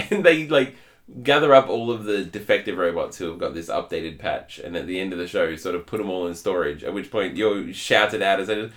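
A man co-hosting a podcast, talking in a casual, animated way and laughing often. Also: deep voice. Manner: animated, laughs often, puts on quick voices. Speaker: podcast co-host. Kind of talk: casual chat.

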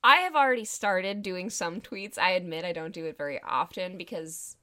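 A woman's voice: fairly low pitch, moderate pace, pushed and bright. A woman co-hosting a podcast in casual conversation about films. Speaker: podcast co-host. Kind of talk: casual film chat.

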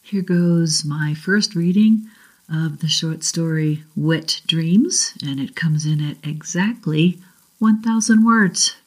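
Here a low-voiced woman with a Boston accent, originally from the South Shore, reads her own short story told in the first person. She takes it slowly and deliberately, measuring each line.

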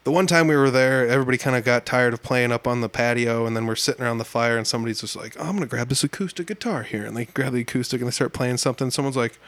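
A man hosting a casual chat in a studio, telling lively stories and acting out quotes. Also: medium pitch, very fast, hardly any pauses, clear, resonant tone, no room sound. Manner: animated storyteller, acts out quotes. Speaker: podcast host.

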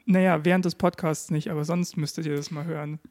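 A man's voice: on the high side, fairly even intonation, quick pace, a little mellow. A man co-hosting a podcast in casual chat, with a dry, teasing manner. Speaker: podcast co-host.

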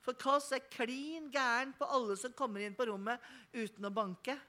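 A woman reading a children's book aloud in an expressive, playful storytelling manner. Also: on the high side. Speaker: reader.

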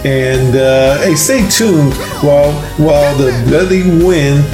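Guy cohosting church radio, chatty, voice a bit high, roomy with some music. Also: slow pace. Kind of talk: casual conversational radio hosting.

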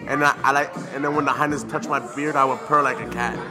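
A man's voice: medium pitch, steady tone, fast. A man co-hosting a podcast in casual, jokey, boastful banter, peppering his slangy talk with "bro". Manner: slangy, says bro constantly. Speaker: podcast co-host. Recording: music behind the voice. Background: music.

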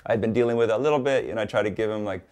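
A man from Hawaii, a guest in a casual interview, talking in a relaxed, rambling way with lots of "like" and "you know.". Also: fairly low pitch, racing.

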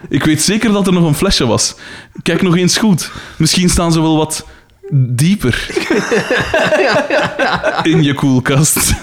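A Flemish man puts on a booming, demanding male friend in a read-aloud comic story. The voice sits a little high and swings widely in pitch. It comes across as loud and pushy throughout. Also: expressive, slow.

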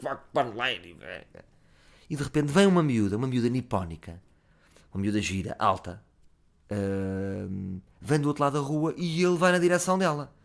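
A man with a European Portuguese accent tells a comic anecdote at a brisk clip. He swings from loud bursts to low asides, with an average pitch for a man. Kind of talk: comic storytelling.

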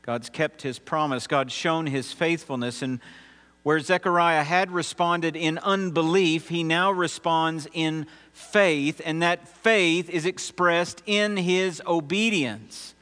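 Man, pastor, unhurried deliberate sermon delivery, slightly high voice, long church reverb and a faint mains hum. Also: fairly bright tone. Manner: measured preaching with emphatic pauses.

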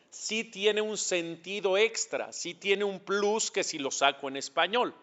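A man's voice: fairly high pitch, a bit bright. A man teaching a religious lesson as a rabbi, asking questions and answering them himself. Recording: dull lo-fi recording.

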